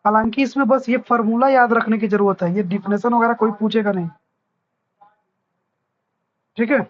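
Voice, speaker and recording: A man's voice: high-pitched, fairly even intonation, moderate pace, lo-fi sound. A man teaching a physics lesson, patiently repeating points and checking that his students understand. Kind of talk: explaining a lesson.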